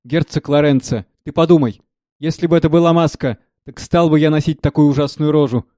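A man playing a gruff, sentimental old knight. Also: fairly high pitch, steady tone, a little fast, dark tone, no echo, clean studio sound, lightly acted. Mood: grieving. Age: older. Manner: grieving, rambling.

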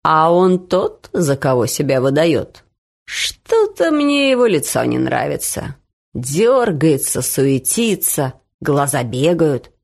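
A suspicious, grumbling old uncle from a storybook reading, voiced by a woman. He speaks low and slow, picking at everyone he doesn't trust. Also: sing-song, creaky, exaggerated voice. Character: gruff older man, suspicious, grumbling uncle.

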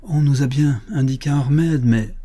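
A man's voice: medium pitch, normal speed, mellow, voice pushed up, lightly acted. A man doing a humble grieving gamekeeper. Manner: humble, emotional, deferential. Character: humble grieving male forest keeper, devoted father. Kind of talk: audiobook character voice.

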